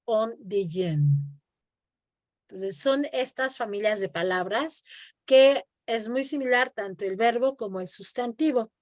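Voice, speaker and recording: A woman's voice: fairly high pitch, lively intonation, a little slow, no echo, studio quality. A woman teaching French in an online class, explaining patiently and modeling words for her student to repeat. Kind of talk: online language lesson, explaining in Spanish and French.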